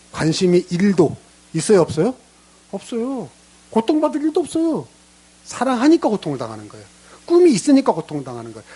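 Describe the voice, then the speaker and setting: Man, pastor, sermon in a church, fairly high voice, very lively pitch. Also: slightly rough. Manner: lively preaching, acts out prayers in character voices. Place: church sanctuary.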